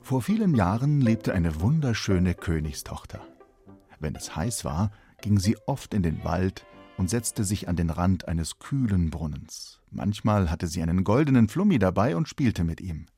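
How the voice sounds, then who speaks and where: A man narrating a fairy tale in a calm, measured storybook manner. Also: sits low, faint music behind.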